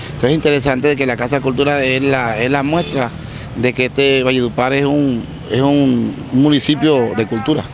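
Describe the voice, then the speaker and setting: A man speaks in a street interview, pausing and repeating words as he works through his point. His voice sits in a middle register, and faint street noise and passing traffic can be heard behind him outdoors. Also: medium pitch, steady tone. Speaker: interviewee on a local issue.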